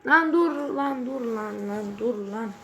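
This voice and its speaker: High-voiced, excitable woman gaming streamer. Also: slow, noisy background. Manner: excitable, swearing, bursts of shouting at the game. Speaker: gaming channel host. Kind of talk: mobile game commentary.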